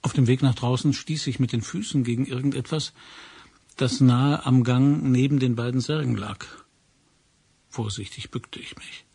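A man reading a first-person crime story aloud, measured and dropping to a hush at tense moments. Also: medium pitch, fairly even intonation, creaky, slightly rough. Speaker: audiobook narrator.

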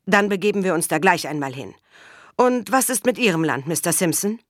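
A woman's voice: lowish voice, expressive, fairly quick, no room sound, clean studio sound. A woman reading the part of a firm, matter-of-fact man settling a land dispute.

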